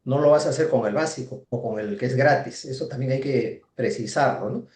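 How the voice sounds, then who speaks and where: A consultant joins an online workshop and speaks in a measured, methodical way, listing his points with tag questions. His voice is mellow and dark. It echoes around the room he speaks from. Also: medium pitch. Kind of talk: explanatory comment in class.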